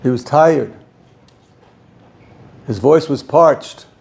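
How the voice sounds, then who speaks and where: Gravelly-voiced rabbi telling a story. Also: male voice, on the high side, darkish tone. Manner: dramatic storyteller, quick narration. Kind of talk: sermon storytelling.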